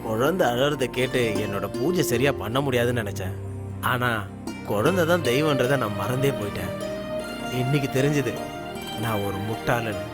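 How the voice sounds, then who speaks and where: Male actor as remorseful worshipper, even-toned, music-heavy film mix. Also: medium pitch, moderate pace, pauses often, close to an everyday voice. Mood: humbled. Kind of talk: dubbed film dialogue. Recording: film soundtrack with loud music.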